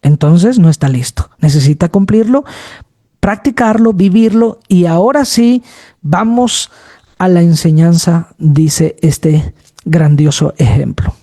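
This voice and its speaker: Slow, mellow-voiced male preacher. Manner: slow, shifts between low, middle and high voice; addresses listeners as brothers often. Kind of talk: sermon on preaching.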